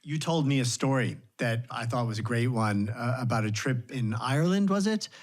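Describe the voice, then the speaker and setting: A male podcast host with a mid-range voice prompts his guest in relaxed conversation. He is engaged and quick to laugh and affirm. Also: mid-range voice. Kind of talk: conversational interview.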